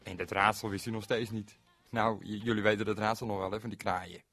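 A man's voice: on the low side, steady tone, a little fast, fairly bright tone, faint music behind. A man telling a story to children on a radio show, playful and speaking to young listeners directly.

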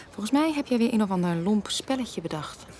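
A woman in her thirties, a mother, speaking in film dialogue in a lively manner that turns indignant easily. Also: medium pitch, slight background noise. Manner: lively, quick to get indignant. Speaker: mother and voice actress.

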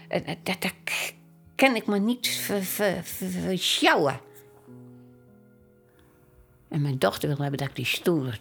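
An older woman, a widow, speaking plainly and haltingly in a candid documentary interview, often stumbling and repeating words. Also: on the low side, creaky.

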